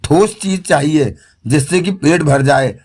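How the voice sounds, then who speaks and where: A man's voice: fairly high pitch, a little slow, darkish tone, husky. A man voicing a greedy, wheedling fellow who coaxes and sulks, in an audiobook. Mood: coaxing. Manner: coaxing, sulky.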